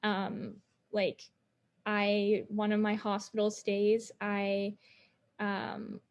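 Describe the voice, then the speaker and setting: A woman of middle pitch who speaks in a flat, even tone as a patient guest in an interview. She recounts her experiences earnestly and scatters "like" through her sentences. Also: very slow, clear, resonant tone, dull audio. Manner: many "like" fillers, earnest. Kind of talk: personal account in interview.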